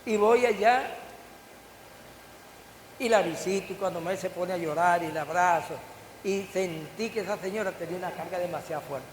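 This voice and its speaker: This older man's voice sits high as he preaches a sermon as pastor, moving at a moderate pace with long pauses, rising bursts, and questions aimed at the congregation. Faint hiss and echo from the church hall colour the recording.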